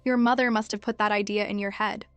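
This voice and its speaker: A woman's voice: medium pitch, steady tone, fast talker, a bit bright, clear, resonant tone, no echo, faint music behind, natural voice. A woman voicing a two-faced scheming young woman who sounds sugary but turns defensive. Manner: sugary on top, defensive and stammering.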